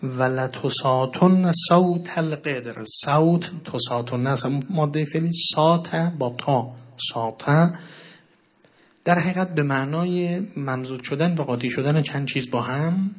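Husky male preacher, dull lo-fi recording. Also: a little high. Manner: chants Arabic phrases slowly and loudly, then explains softly. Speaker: cleric teaching a sermon. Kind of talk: sermon explaining a classical Arabic text in Persian.

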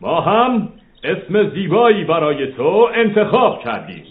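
Guy doing a stern eagle king, high swoopy voice, commanding. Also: sing-song, narrow, tinny audio. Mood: solemn.

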